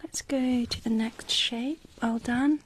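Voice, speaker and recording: A woman whispering an eye-exam ASMR roleplay in a soft, gently encouraging, deliberate manner with dry playful humor. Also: a little high, fairly even intonation, slight background noise. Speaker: ASMR creator playing an eye examiner.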